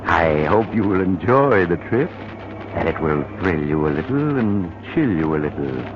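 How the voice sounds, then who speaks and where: In a 1940s radio style, an actor plays a sinister male narrator and host who draws listeners into a creepy tale with teasing, ominous delivery. His low voice swings widely in pitch at a normal speed, heard through a muffled old broadcast with hiss.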